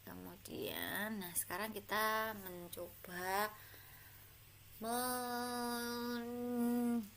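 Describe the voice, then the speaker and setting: This is an Indonesian woman teaching young pupils, talking slowly and leaving pauses between her examples. Her voice is bright and clear. A faint hum of the room sits behind her. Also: medium pitch, expressive. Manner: patient, talks to pupils with many examples and fillers. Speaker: primary school teacher. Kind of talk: slow classroom explanation.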